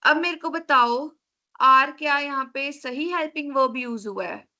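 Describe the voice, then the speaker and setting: A woman teaching an online class over a video call, slowly repeating the key steps for her students. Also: high voice, pushed and bright.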